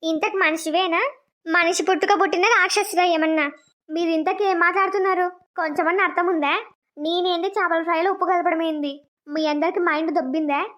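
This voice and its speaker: A squeaky scheming sister-in-law. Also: female voice, steady tone, brisk. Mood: indignant. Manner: sly, then loudly self-pitying denials. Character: scheming young woman, spiteful sister-in-law. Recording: dull lo-fi cartoon audio.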